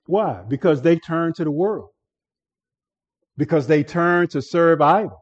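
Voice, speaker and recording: Guy preaching real slow, keeps repeating himself, kinda muffled lo-fi sound. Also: on the high side. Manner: repeats words and restarts phrases while building emphasis. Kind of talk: sermon.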